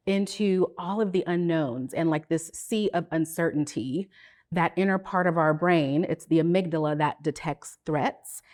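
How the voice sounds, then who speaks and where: A woman with a somewhat low voice speaks as a psychotherapist guest on a podcast. She explains things in a measured, teacherly way. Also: darkish tone. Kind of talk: podcast interview.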